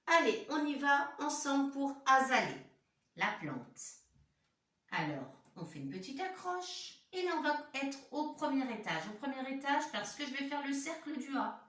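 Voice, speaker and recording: Woman teaching kids to write at home, talks slow, mic a bit far off. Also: on the high side, fairly bright tone. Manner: slow, step-by-step dictation of letter strokes. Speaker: primary school teacher. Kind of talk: handwriting lesson for young children. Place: room at home. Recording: roomy echo, voice from off the mic.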